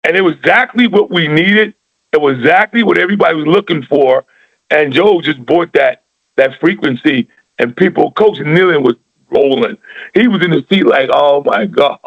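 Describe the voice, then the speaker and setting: A man's voice: a little high, moderate pace, creaky, muffled recording. A man, a former football player from South Philadelphia, chatting casually on a podcast and laughing a lot as he retells stories. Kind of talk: casual chat.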